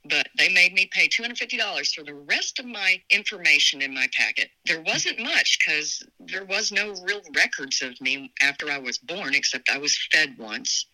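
A woman's voice: deep voice, pushed and bright, low-quality recording. A woman in her fifties from Tennessee, a guest talking frankly with wry, sarcastic humor. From Tennessee, USA. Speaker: podcast guest. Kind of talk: candid conversation.

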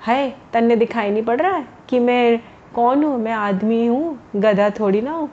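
A woman voicing a humble, simple-minded village porter man, speaking slowly and hesitantly in a storybook tale. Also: on the high side, a little mellow, highs cut off, a little hiss or hum, close to an everyday voice. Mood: indignant.

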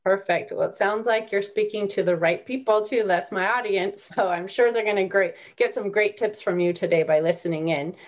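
Woman podcast host, average pitch, reading intros and asking the guest stuff. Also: moderate pace, few pauses. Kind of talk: scripted show introduction, then interview chat.

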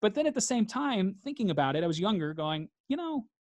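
A man's voice: high voice, big pitch swings, brisk, a little mellow, no room sound. A man, a guest in a reflective interview, talking earnestly and repeating phrases for emphasis.

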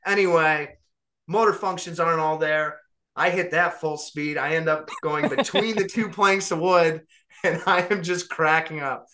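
A man's voice: on the high side, moderate pace, sharp tone. A young adult man, co-host of a podcast, animatedly telling a funny story in casual chat and laughing along the way.

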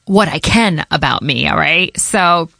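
She's a radio host from Connecticut in her thirties, Portuguese her native tongue, casually fielding listeners' questions with laughs between thoughts. Her voice sits low and comes across expressive, unhurried, gravelly, pushed and bright, with no room sound.

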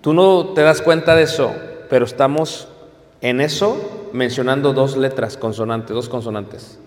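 Slow-talking man lecturing in an echoey hall. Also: medium pitch. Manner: explains step by step, checks in with listeners. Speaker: teacher of biblical Hebrew. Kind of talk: classroom lecture. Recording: long hall reverb.

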